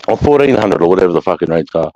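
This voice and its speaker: A man's voice: deep voice, expressive, rapid-fire, dark tone, no echo. A man with an Australasian accent chatting casually in a blokey, slangy way, swearing freely. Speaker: host of a live chat. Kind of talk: casual chat. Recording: dull lo-fi sound.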